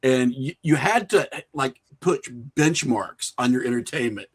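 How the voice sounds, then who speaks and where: A middle-aged man from a small rural town, a horror filmmaker and writer, appears as a podcast guest. His mid-range voice is animated with a breathy edge, and he speaks at a measured pace. He talks casually and reflectively, sharing informal anecdotes with a bit of chuckling.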